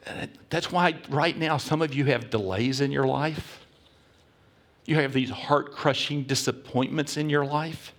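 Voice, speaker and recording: A man's voice: medium pitch, unhurried. Emphatic preacher man telling a story. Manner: storytelling, repetitive and emphatic, dropping to a hushed whisper. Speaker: pastor. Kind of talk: sermon.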